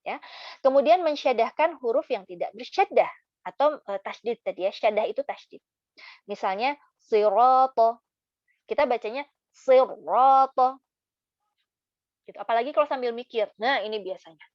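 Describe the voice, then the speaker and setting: Brief: woman recitation teacher, slightly high voice, chatty with fillers, dry muffled recording. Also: expressive, darkish tone, no room sound. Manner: chatty, demonstrates recitation slowly, frequent fillers. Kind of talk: casual tajwid lesson.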